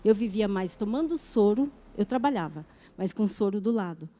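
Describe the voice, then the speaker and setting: A woman's voice: mid-range voice, animated, normal speed, mellow. A middle-aged woman giving an earnest church testimony, acting out the voices in her story. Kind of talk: emotional testimony.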